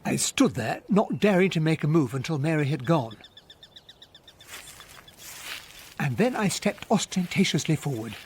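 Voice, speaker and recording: An actor playing a kindly, naive English captain with a Received Pronunciation accent, speaking politely and earnestly in a radio drama. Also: male voice, fairly high pitch, very animated, brisk, a little hiss or hum. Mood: reflective. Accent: British Received Pronunciation. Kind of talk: radio drama acting and first-person narration.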